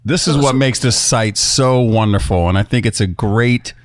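Brief: male podcast co-host, teasing and crude, mid pitch, dry close sound. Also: moderate pace, no room sound. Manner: teasing, joking, provocative. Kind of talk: casual crude banter.

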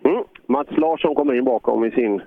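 A man calls a rally stage live, talking casually and loosely, with dry asides about the cars rolling in. His voice sits at an ordinary male pitch. It comes through a tinny, phone-like line. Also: big pitch swings, vocal fry. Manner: chatty, dry humor. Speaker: rally commentator. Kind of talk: live sports commentary.

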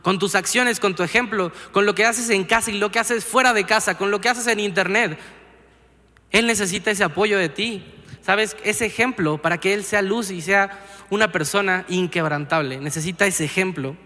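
A man's voice: high-pitched, normal speed, sharp tone. A young man preaching a sermon in a church, earnest and talking straight to the listener. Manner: earnest, keeps asking "¿sabes?" to the listener. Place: church auditorium. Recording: reverberant church hall.

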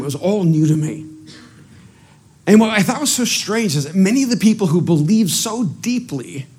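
In an animated sermon full of self-deprecation, a middle-aged man from El Salvador who grew up speaking Spanish keeps restarting and repeating words. His voice is high.

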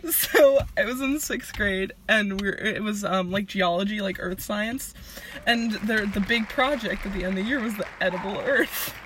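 A woman's voice: mid-range voice, moderate pace, fairly bright tone. Young woman, podcast co-host, giggly casual storytelling, lots of "like", noisy recording. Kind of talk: casual chat. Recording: noisy background.

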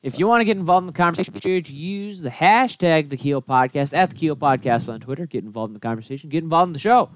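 A man's voice: fairly high pitch, animated, fast, few pauses, no echo. A man co-hosting a podcast on a headset, trading casual sports banter in a blunt, grumbling way. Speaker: podcast co-host.

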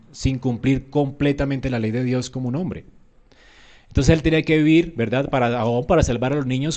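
A man's voice: darkish tone, highs cut off. A man preaching a sermon in an emphatic way, often checking with his listeners and acting out quoted voices. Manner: emphatic, often asks "¿verdad?"; acts out quoted voices with rising pitch.

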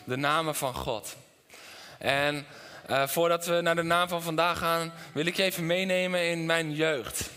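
A middle-aged male pastor preaching a sermon to his congregation, telling a personal story, asking them questions, and moving between loud, animated passages and quiet, intense ones. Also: a little high, a little slow. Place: church hall with congregation. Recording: long hall reverb.

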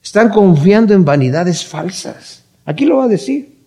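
A man preaching a sermon as pastor, animated, often acting out quoted voices. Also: high-pitched, normal speed, creaky.

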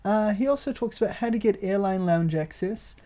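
A woman with a New Zealand accent co-hosting a travel podcast, upbeat and quick to laugh. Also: mid-range voice, dark tone. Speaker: podcast co-host. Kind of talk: casual review chat.

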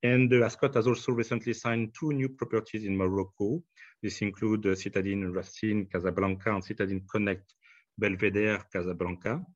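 A man's voice: fairly low pitch, flat delivery, a little fast, no echo, muffled recording. A man with a French accent answering in a business interview, hesitant, with many fillers and restarts. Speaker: hospitality executive.

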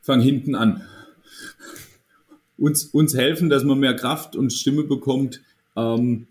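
A man's voice: medium pitch, fairly even intonation, takes it slowly, a little mellow. Hesitant man, guest on a podcast. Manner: hesitant, thoughtful, many fillers and restarts. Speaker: association managing director, guest. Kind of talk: podcast interview.

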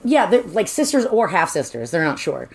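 A young woman co-hosts a podcast in loose, casual chat. She rambles through the recap with plenty of fillers and the odd swear word. Her voice sits a little low for a woman. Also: very animated, normal speed, gravelly, slightly rough. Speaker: podcast co-host.

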